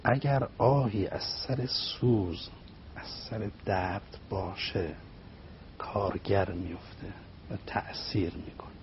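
Religious guy telling stories, animated and rhythmic, lowish voice, kinda muffled with rumble. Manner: animated, rhythmic, repetitive phrasing. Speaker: religious guest speaker. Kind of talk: storytelling sermon-like explanation. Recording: slightly dull with faint rumble.

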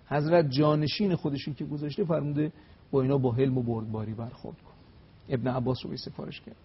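A man, a religious scholar on a talk show, telling religious history in an emphatic, storytelling way, slowing to recite Arabic phrases. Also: mid-range voice, fairly even intonation, husky, muffled recording. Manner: emphatic, rising to stressed peaks, slows to recite Arabic.

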